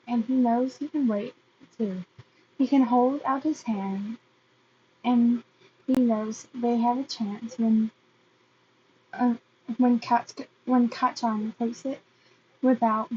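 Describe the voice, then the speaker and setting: Woman, fan fiction reader, hesitant, restarts phrases, very slow pace, faint hiss. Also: fairly high pitch, mellow, lo-fi sound. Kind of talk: reading fan fiction aloud.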